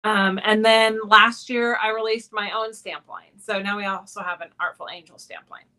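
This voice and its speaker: Bright-voiced woman guest from Texas. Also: medium pitch, fairly even intonation, normal speed. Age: 40s. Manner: friendly, laughing, with fillers. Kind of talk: interview answers.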